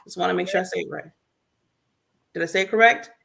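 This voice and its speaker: A chatty woman hosts a casual online talk show and laughs often between her words. Her voice has a gravelly, creaky edge. She sounds like she is on a video call. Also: on the low side, quick pace, fairly bright tone.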